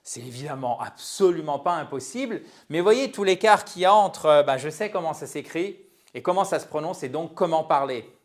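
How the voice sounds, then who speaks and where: Animated male English teacher. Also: on the high side. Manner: animated, modeling English words slowly with stress. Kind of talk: lively French-language English lesson.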